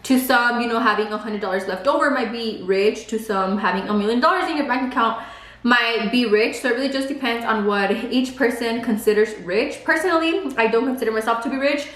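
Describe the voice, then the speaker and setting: Eating and chatting on her vlog, this pregnant woman in her twenties, whose first language is Spanish, drops "like" constantly. She speaks fairly quickly in a fairly high, fairly bright voice. The audio is poor and reverberant.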